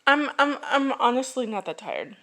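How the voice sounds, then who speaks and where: Speaking in a high, very animated and fairly bright voice, a family vlogger in her thirties talks casually to the camera while drowsy. Her chat is rambling and halting, full of restarts, yawns, sighs and laughs.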